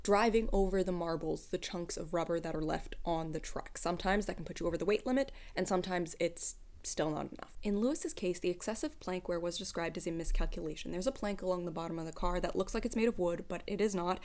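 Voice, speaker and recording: A woman's voice: fairly low pitch, quick pace, few pauses, darkish tone. A woman with a just-woke-up morning voice, explaining things informally and articulately like a vlogger. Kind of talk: informal explanatory commentary to camera.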